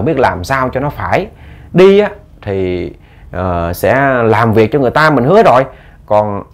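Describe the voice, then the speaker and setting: Male ghost-story narrator, chatty and repetitive. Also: mid-range voice. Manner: conversational, repeats words, addresses listeners.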